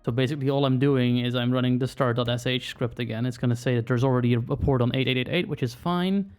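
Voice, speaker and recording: A man talks through a hands-on technical walkthrough at an ordinary middle pitch. His delivery is loose and conversational. He thinks out loud as he goes and fills the gaps with ums and uhs. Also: fast, clear, resonant tone, soft background music. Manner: relaxed, rambling, thinks aloud with many fillers. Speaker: screen reader user presenting a tutorial. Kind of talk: casual walkthrough narration.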